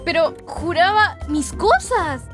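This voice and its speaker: A woman's voice: extremely high pitch, slow pace, music in the background, full character voice. Woman voicing squealing bubbly pun-loving girl. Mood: puzzled. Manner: giddy, shrieks with excitement, laughs at her own puns. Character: bubbly young woman obsessed with a cartoon pig.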